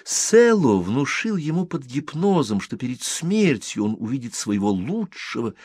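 A man narrating an audiobook in a slow, expressive storytelling manner, close to the mic. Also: medium pitch, slightly rough, dry recording.

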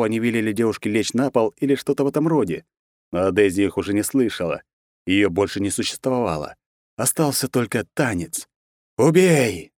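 Man, audiobook narration, fairly low voice, dry close sound. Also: darkish tone, no echo. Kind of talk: audiobook reading of a novel.

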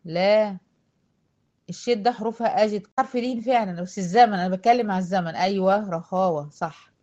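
A woman's voice: mid-range voice, a little mellow, highs cut off. Egyptian woman teaching Quran recitation. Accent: Egyptian Arabic. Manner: patient, quizzing students, drawing out words to demonstrate. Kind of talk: online tajweed lesson.

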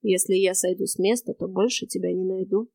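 A woman doing a tired ghost guy, quiet cracked voice, flat and slow, mellow dry audiobook sound. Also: medium pitch, creaky, no room sound, close to an everyday voice. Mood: flat, weary. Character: weary male stranger spirit of the afterworld.

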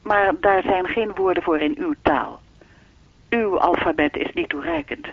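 A man plays a mysterious, omniscient timekeeper in a radio play, his exaggerated, creaky voice sitting high, very animated and unhurried. Heard through a thin, dry telephone-line sound, he stays formal and unruffled, lecturing with a faint tease.

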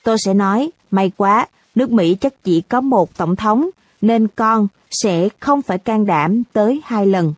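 A woman's voice: mid-range voice, measured pace, no room sound. A woman reading the part of a girl's father who gives dry, witty answers to reporters in a storybook reading. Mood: wry. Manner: wry, deadpan answers.

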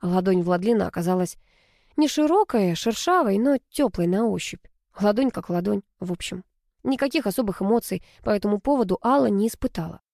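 A woman narrates a story in an even, measured storytelling voice of middle pitch. The recording is close and dry, with no room sound. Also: vocal fry, no echo. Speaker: audiobook reader. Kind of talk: scripted narration.

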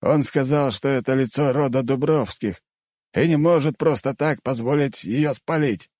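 A man's voice: medium pitch, moderate pace, a little mellow, dry recording, clean studio sound, voice pushed up, close to an everyday voice. A man voicing a sardonic male rector in an audiobook, speaking in curt, mocking replies.

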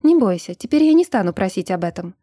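A woman's voice: medium pitch, big pitch swings, fast talker, warm tone, slightly rough, dry recording, studio quality. A woman reading as a defiant young vampire girl. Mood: quiet earnest.

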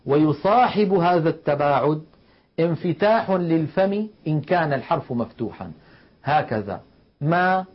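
Male recitation teacher, husky, slightly high voice, patient explainer, dull lo-fi broadcast audio. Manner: slow explanatory, demonstrating letter sounds. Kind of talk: televised tajweed lesson.

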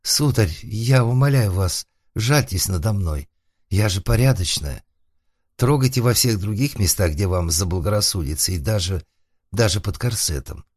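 A prim, proud young beauty , as a male narrator puts her on, raised high above his deep natural voice. She sighs and pleads in breathy little gasps, yet stays stubborn. The read is close and dry, with no room around it. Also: expressive, moderate pace, darkish tone, dry recording. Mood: flustered pleading.

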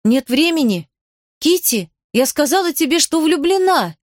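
A woman voicing an impulsive young girl in love, who talks loudly and shrilly. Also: very animated, normal speed, dry recording, studio quality. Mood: shrill indignant. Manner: loud, shrill and indignant.

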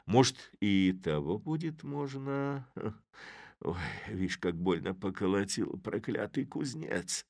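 Brief: man playing a crafty old village grumbler, muttering to himself, lively pitch. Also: takes it slowly, gravelly, no echo, heavily acted. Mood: grumbling.

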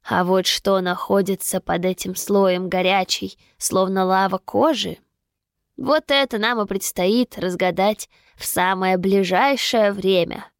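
A woman voicing a calm, ominous male professor who lectures in a slow, measured way. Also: medium pitch, dry recording, clean studio sound, close to an everyday voice. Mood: lecturing.

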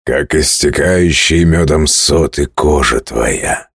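A shaggy blond barbarian drawls slowly in a sing-song chant, as a male reader puts him on. The voice is very deep and slow. Recorded close with no room sound. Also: vocal fry, a bit bright, husky, no room sound, exaggerated voice. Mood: amorous.

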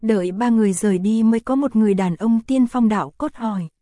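Mellow-voiced woman reading an audiobook. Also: fairly high pitch, fast talker, no room sound, clean studio sound. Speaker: audiobook narrator. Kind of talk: scripted audiobook narration.

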